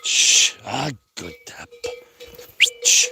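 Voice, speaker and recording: Working outdoors, a cattle farmer rambles to himself and calls out to his cows in a casual monologue. His speech is extremely slow with a sharp tone, and slight background noise can be heard.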